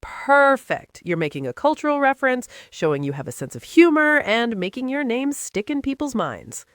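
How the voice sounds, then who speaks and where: An American woman running a scripted English lesson in a lively, teasing tone. Her pitch rises and falls a lot as she plays out little example lines. The sound is dry and close-miked. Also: normal speed, dry recording. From United States. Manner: playful, teasing, upbeat. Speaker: English teacher.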